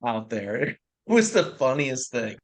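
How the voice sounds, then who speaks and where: Energetic man from New York, telling a story. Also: medium pitch, a little slow, low-quality recording. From New York area. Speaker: podcast co-host. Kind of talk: casual storytelling chat.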